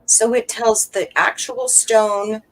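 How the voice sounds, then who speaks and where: A woman's voice: a little high, steady tone, slow pace, rough recording. A woman co-hosting a live online sales show, chatting casually and asking friendly, enthusiastic questions. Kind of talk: casual chat.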